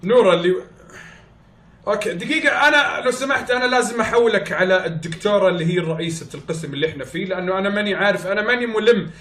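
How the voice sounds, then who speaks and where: A man's voice: sits high, animated, rapid-fire, hardly any pauses, a bit bright. A man making a prank phone call in a hesitant, stalling way. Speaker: prank caller. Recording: echoey room.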